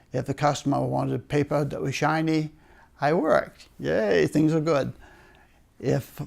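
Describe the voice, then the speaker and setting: Older guy w/ maine accent telling work stories, creaky voice, pretty flat delivery, dry humour. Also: a little high. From Maine, United States. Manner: wry, understated humour with chuckles. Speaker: retired paper mill worker being interviewed. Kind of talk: oral history storytelling.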